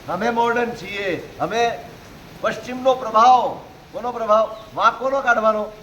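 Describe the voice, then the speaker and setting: Male Jain preacher with a strikingly high voice who lectures a live crowd through pointed rhetorical questions. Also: a bit bright, slight background noise, poor audio. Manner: rhetorical questions, exhorting listeners. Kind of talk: sermon to a live audience.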